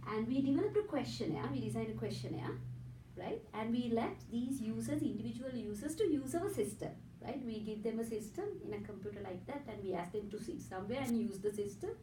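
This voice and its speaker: In a slightly high, animated voice, a Sri Lankan woman with Sinhala as her first language and a Sri Lankan accent talks fairly quickly through an academic conference presentation. She explains step by step, often checking "right?", and the hotel conference room recording is distant and echoey with background noise.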